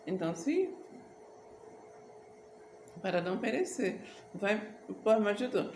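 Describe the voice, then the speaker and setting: A woman's voice: mid-range voice, big pitch swings, darkish tone, a little hiss or hum. Woman preaching in an echoey room. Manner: rambling devotional talk, breaks into slow singing. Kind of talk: informal sermon with sung worship.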